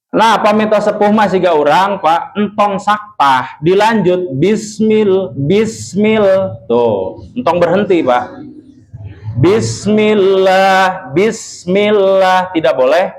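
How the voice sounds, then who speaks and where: A religious teacher with a Sundanese accent leads a recitation class for a group of men. His voice sits a little high, and he talks slowly and patiently. He stretches out each recited word so the group can copy it. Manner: patient, drills pronunciation by drawing out recited words slowly. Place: study gathering with a group of men.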